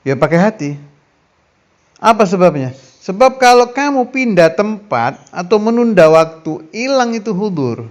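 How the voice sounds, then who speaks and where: A man's voice: high-pitched, big pitch swings, a little slow. A man preaching a sermon, earnest and emphatic, weaving in Arabic recitations. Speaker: Islamic preacher. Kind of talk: sermon teaching.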